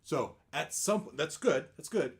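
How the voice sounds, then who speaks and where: A man working as game master, narrating a tabletop game in a halting, conversational way. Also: fairly high pitch, animated, gravelly.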